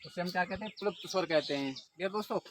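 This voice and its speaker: A man with a high-pitched voice races through an exam-prep lesson, asking questions and then answering them himself. He draws words out to demonstrate calling someone. Outdoor noise and birdsong fill the background.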